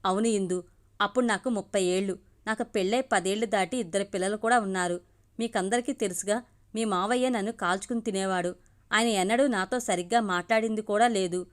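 A woman voicing a gentle middle-aged aunt who confides a painful past in a soft, heavy-hearted way. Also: medium pitch, a little fast, lightly acted. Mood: confiding.

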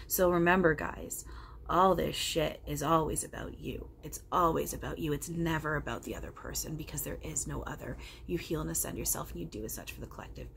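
A woman's voice: sits low, gravelly. A woman medium channeling a blunt, loving, foul-mouthed male spirit, speaking in an emphatic, preachy and reassuring way. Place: home living room. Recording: noticeable background room noise.

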